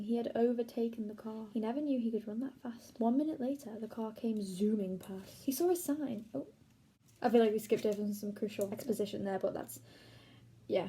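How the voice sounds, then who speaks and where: A young woman reading silly stories aloud in a mock-boastful, deadpan comic style, with playful voices for the characters. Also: on the high side, husky, low-quality recording. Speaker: comedic self-styled author reading her own stories.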